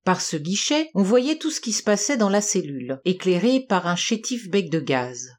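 A woman reading aloud, narrating a classic detective story at a measured, steady pace. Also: fairly low pitch. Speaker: audiobook reader.

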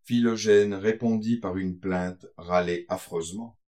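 A man narrating a gothic tale in a measured, somber, dramatic way. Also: low-pitched, fairly even intonation, darkish tone. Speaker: audiobook narrator.

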